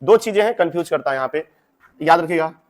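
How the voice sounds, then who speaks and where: A man's voice: on the high side, expressive, fast. A young man, explaining a story to students in a chatty way with direct asides. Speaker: teacher.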